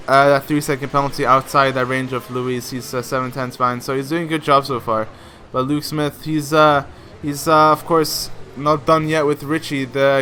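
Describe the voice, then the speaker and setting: A man commentating a sim racing league race, excitable and full of fillers. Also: on the high side, slight background noise.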